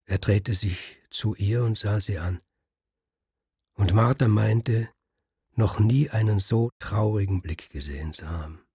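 Guy reading a story out loud, calm and measured, low husky voice, dry close sound. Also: no echo. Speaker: narrator.

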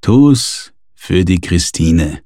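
A man doing a calm, coaxing friend. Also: low voice, very slow, no room sound, studio quality, voice pushed down, heavily acted.

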